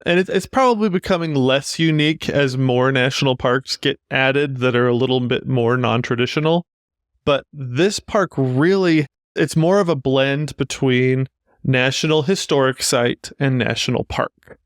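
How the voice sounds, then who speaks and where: A man's voice: medium pitch, normal speed, smooth, no room sound, studio quality. A man co-hosting a podcast, chatting in a playful, rambling way and laughing often. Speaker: podcast co-host. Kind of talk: casual podcast chat.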